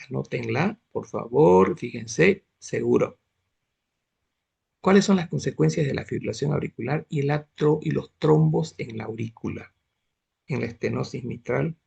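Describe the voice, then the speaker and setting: A man's voice: medium pitch, gravelly, darkish tone, breathy edge. A man teaching medicine in an online class, explaining step by step and often asking his students if they follow. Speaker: medical lecturer.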